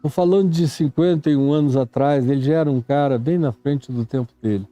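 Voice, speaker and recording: A man in his seventies with a Brazilian Portuguese accent, a preacher telling a reflective story in a sermon, unhurried and reminiscing. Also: mid-range voice, mellow, dry recording. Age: 70s. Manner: slow, unhurried, reminiscing, acts out stammering syllables.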